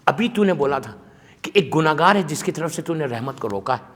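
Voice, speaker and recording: A man's voice: on the high side, expressive, fairly bright tone, long reverb tail, pitched below the performer's own voice. A man voicing an insistent, imploring prophet. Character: prophet pressing God for an answer.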